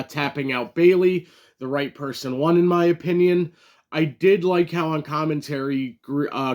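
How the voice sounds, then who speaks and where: Male show reviewer, slightly high voice, loose chatty delivery with fillers and sudden enthusiasm. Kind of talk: casual solo review talk.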